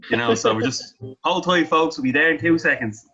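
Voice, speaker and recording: A man with an Irish accent hosting a relaxed online gathering, teasing the guests and laughing often. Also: a little high, fairly quick, vocal fry. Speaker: host. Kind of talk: casual joking chat. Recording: slightly dull audio with faint music behind.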